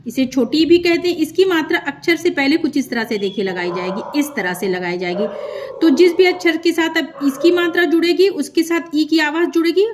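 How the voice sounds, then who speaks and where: A woman with a high, light voice teaches a children's script lesson. She speaks slowly and patiently into a close mic. She stretches each syllable and repeats sounds so young learners can follow. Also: a little hiss or hum. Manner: slow, patient, drawn-out syllables.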